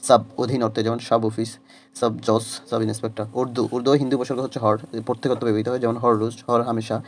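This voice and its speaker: A man's voice: mid-range voice, level tone, quick pace, slight background noise. A man reading a grammar lesson, listing words and their meanings one after another. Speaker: grammar teacher.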